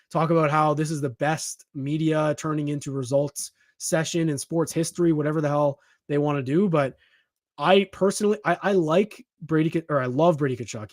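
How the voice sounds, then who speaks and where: A man co-hosting a sports live stream, talking fast and emphatically with plenty of restarts. His voice sits a bit high. It is recorded dry on a close mic with no room sound. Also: no room sound. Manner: emphatic, animated, frequent restarts. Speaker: podcast co-host. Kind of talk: casual sports talk.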